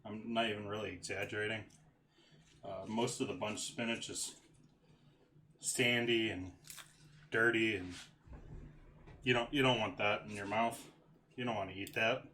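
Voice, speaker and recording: A man running a live cooking stream, talking in a relaxed, rambling, folksy way as he preps food, with a touch of hiccups. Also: on the low side, unhurried, pauses often, slight background noise. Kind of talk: casual live cooking chat.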